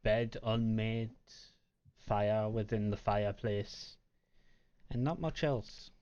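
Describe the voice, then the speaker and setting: A man narrating as game master of a tabletop game, describing scenes in a halting, measured way. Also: lowish voice, darkish tone, clear, resonant tone, muffled recording.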